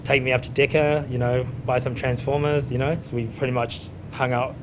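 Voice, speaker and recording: A man in his thirties with a New Zealand accent speaks a little fast at medium pitch, with little pitch movement, against a noisy background. A chef and restaurant owner being interviewed, he tells his story conversationally, often saying "you know".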